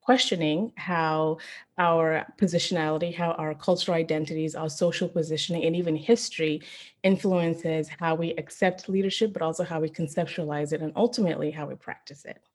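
A woman from Zimbabwe, a professor, speaking as a guest in a relaxed podcast interview and thinking her answers through with frequent ums. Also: sits low, a little fast. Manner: thoughtful, reflective, with frequent ums. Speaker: guest, leadership studies professor.

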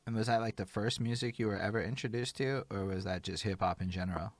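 A man's voice: fairly low pitch, fast talker, no echo. A man from Montreal hosting a casual interview, talking in an enthusiastic and conversational way. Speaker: podcast host.

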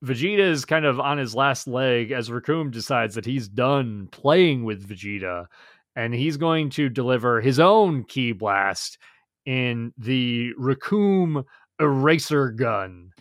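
A man's voice: mid-range voice, expressive, takes it slowly, dry recording. Enthusiastic man in casual chat, dry sound. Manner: enthusiastic, gushing. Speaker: podcast co-host.

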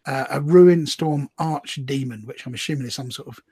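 A man co-hosting a casual podcast, chatting through army lists with quick asides and bursts of laughter. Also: mid-range voice, mellow, husky, dry recording, clean studio sound. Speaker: podcast co-host. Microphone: remote call.

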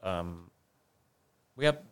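A man's voice: deep voice, expressive, very slow, a bit bright, clear, resonant tone. A man, chatting casually as a guest, rambling and self-deprecating. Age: 50s. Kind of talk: casual chat.

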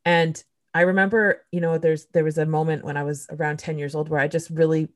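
Low-voiced woman telling a candid story. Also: flat delivery, fairly quick. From Canada. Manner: candid, emotional storytelling with blunt swearing. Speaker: podcast host. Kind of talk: casual conversation.

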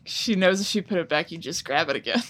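A woman playing a tabletop role-playing game casually, with a husky voice and a curt, dry, dismissive manner. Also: on the low side, animated, fast, fairly bright tone. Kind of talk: casual in-character game play.

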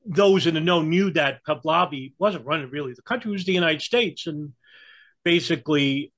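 A man's voice: on the high side, moderate pace, a bit bright. New York man explaining in conversation. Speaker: interview guest giving political and historical commentary.

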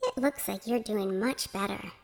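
A woman voicing a kind, gentle female fairy healer who speaks softly and patiently. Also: medium pitch, moderate pace, creaky, faint music behind, pitched above the performer's own voice, lightly acted. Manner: soft, patient, coaxing.

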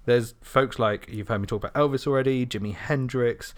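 A man's voice: medium pitch, brisk. A young man co-hosting a podcast in casual chat, self-mocking and laughing often. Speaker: podcast co-host.

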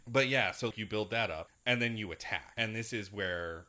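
A man casually retelling a video game's story, animated and acting out characters' lines as he goes. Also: fairly low pitch, a loud crowd. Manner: animated, acts out characters' lines with quick voice shifts and laughter. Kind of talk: casual chat recapping a video game.

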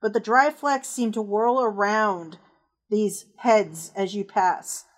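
A woman game master giving hushed, suspenseful narration of a tabletop horror game, setting each scene deliberately and descriptively. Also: medium pitch.

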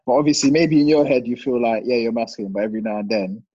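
A young man with a London roadman accent and a husky voice, bantering bluntly in street slang and repeating himself for emphasis. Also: mid-range voice, quick pace, warm tone, dry recording, highs cut off. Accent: London, urban street slang. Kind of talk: casual group banter.

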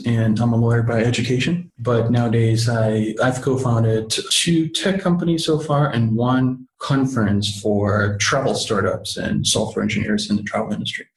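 A man with a slight Russian accent answering conversationally as an interview guest. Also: medium pitch. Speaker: interview guest, tech startup co-founder. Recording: roomy, echoey sound.

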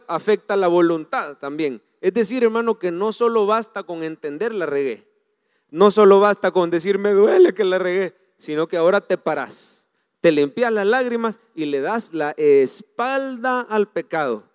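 Male pastor, sermon delivery, clear high voice, reverberant church hall. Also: normal speed. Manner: animated preaching, swings from hushed to loud.

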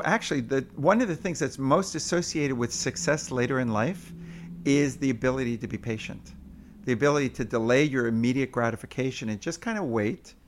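A man in an interview explaining parenting techniques, now and then acting out sing-song parent voices. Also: medium pitch. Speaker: parenting expert guest.

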